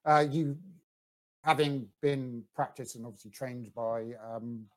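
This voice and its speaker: A man's voice: medium pitch, fairly even intonation, unhurried, poor audio. Man, game master, tabletop game narration, hesitant, many ums.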